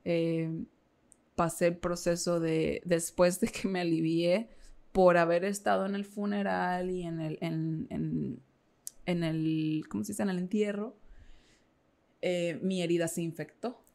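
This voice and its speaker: Woman guest, gravelly voice, candid storytelling, lots of fillers. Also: fairly low pitch, steady tone, measured pace, darkish tone. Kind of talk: casual interview chat.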